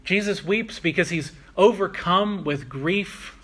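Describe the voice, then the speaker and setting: A man preaching a sermon, earnest and reflective, slowing down to stress key phrases. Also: sits high, a bit bright, soft background music. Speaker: pastor.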